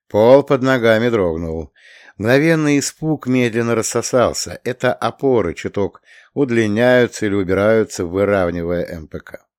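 A man narrating a science fiction story as an audiobook reader, in measured storytelling. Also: fairly low pitch, a little mellow, no echo, clean studio sound. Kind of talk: scripted narration.

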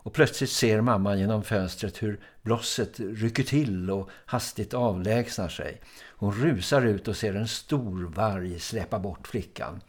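A man folklorist on a podcast gives a measured, scholarly explanation, now and then pausing with a small hesitation. His voice sits on the lower side. He is recorded close on a studio mic. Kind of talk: explaining, expert commentary.

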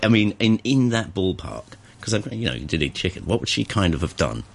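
A man hosting a morning radio show, chatting and asking quick, curious questions. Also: low voice, sing-song, gravelly. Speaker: radio host. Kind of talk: radio interview.

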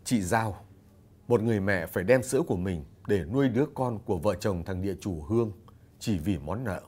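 Brief: male audiobook narrator, somber and measured, dark husky low voice. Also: animated. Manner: slow, measured, somber reading. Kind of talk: scripted story narration.

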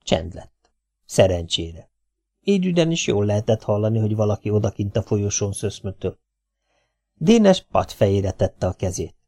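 A man narrating a children's novel as an audiobook, telling the story in a lively, wry way. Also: lowish voice.

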